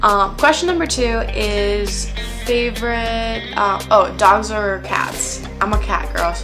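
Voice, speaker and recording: A Puerto Rican woman in her twenties, a vlogger, talks slowly in a mid-range voice during a casual get-to-know-me chat. She pokes fun at herself and uses plenty of "um"s and "like"s, with music clearly audible behind her.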